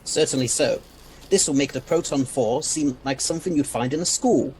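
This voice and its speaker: A man's voice: medium pitch, moderate pace, darkish tone, a little hiss or hum, lightly acted, rough recording. A man playing an eccentric, erudite, unflappable scientist in an audio drama, speaking in a lofty theatrical manner. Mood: lofty, proud. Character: eccentric, intrigued, unflappable male alien scientist.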